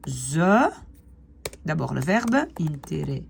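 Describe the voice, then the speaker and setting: Slow, lively, gravelly-voiced woman teaching. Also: deep voice, slight background noise. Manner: explains step by step, often checks with "d'accord?" and "ok?"; slows down to spell out Dutch words. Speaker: Dutch teacher. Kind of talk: online grammar lesson.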